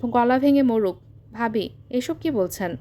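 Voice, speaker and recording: A woman voicing a stern young uncle who speaks gravely and earnestly in an audio story. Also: on the high side, lively intonation, a little slow, mellow. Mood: firm. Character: stern young uncle, calm but firm man.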